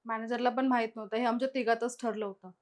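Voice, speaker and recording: Speaking quickly in a fairly high voice with fairly even intonation, a young woman guest tells stories from her own life in a casual, chatty way. She fills them with quoted dialogue, performing the lines of the people involved.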